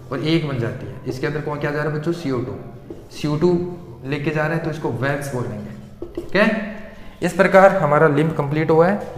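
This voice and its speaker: A male science teacher explains a lesson, asking his students questions and answering them himself while repeating key terms. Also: on the high side. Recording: echoey room with long reverb.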